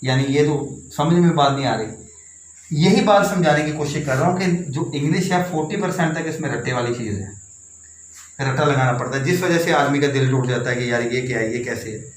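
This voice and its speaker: A man's voice: mid-range voice, brisk. A man explaining English spelling and pronunciation to learners, spelling words out letter by letter and repeating his points. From Pakistan. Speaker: English teacher. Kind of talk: classroom-style explanation. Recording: echoey room, faint background noise.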